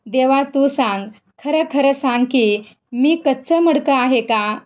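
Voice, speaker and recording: A woman's voice: high-pitched, slow, highs cut off. A woman voicing a young male devotee, emotional and tearful, pleading and asking questions.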